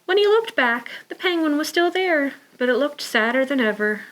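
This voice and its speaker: High-pitched and speaking at normal speed, a woman reads picture books to preschoolers as a children's librarian storytime presenter. Her style is simple and child-directed, punctuated by sighs, gasps and exclamations. The recording is rough.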